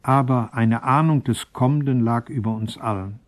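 A man reading a first-person story aloud in a calm, solemn, measured manner. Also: mid-range voice. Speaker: narrator.

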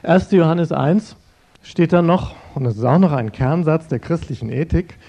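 Mellow-voiced man giving a sermon. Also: a little high, moderate pace. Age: middle-aged. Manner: earnest, conversational, addresses listeners directly. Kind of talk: sermon-style talk.

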